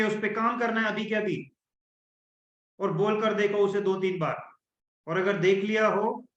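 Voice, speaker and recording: A man coaching an online workshop on a video call, animated and acting out the tones he describes. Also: sits high. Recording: echoey room, dull lo-fi sound.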